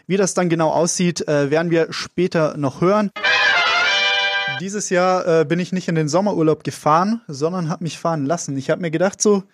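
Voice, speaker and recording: A man hosting a radio show in casual chat, relaxed and conversational. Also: on the high side, quick pace, few pauses, soft background music. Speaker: radio host. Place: radio studio.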